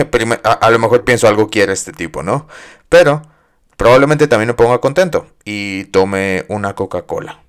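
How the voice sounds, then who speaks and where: A man's voice: fairly low pitch, moderate pace, smooth. A man hosting a psychology podcast, explaining ideas in a casual, conversational way and putting questions to his listeners. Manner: conversational, asks listeners questions, uses everyday examples.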